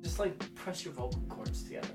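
A man's voice: fairly high pitch, fairly quick. Man co-hosting a podcast, giggly teasing banter, echoey room, far from the mic. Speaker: podcast co-host. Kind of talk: casual podcast chat. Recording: roomy sound from far off, music behind.

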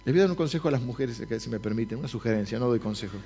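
A man's voice: medium pitch, lively intonation, very fast, vocal fry, mellow, dull audio, a little hiss or hum. A man with a Rioplatense accent preaching a sermon, speaking directly to his congregation. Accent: Rioplatense Spanish. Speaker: pastor. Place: church service.

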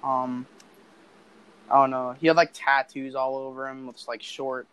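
A man's voice: medium pitch, level tone, unhurried, a bit bright, clean tone, low-quality recording. A young man co-hosting a casual podcast chat, laid-back and often groping for names. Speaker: podcast co-host.

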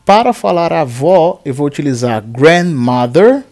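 Slow, drilling Brazilian teacher, man. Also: fairly high pitch, expressive, darkish tone. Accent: Brazilian Portuguese. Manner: slow, deliberate drilling of words and phrases. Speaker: English teacher. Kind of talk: language lesson with repeat-after-me drills.

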